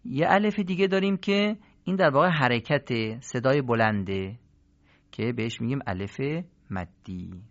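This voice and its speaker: A man's voice: medium pitch, a bit bright. A man teaching the rules of Quran recitation in a recorded lesson, explaining step by step and asking questions he then answers himself. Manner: explanatory, asks rhetorical questions and answers them. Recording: dull lo-fi audio.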